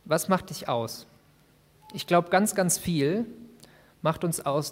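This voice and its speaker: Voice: mid-range voice, creaky. Casting: emphatic youth preacher, dramatic first-person storytelling, long hall reverb.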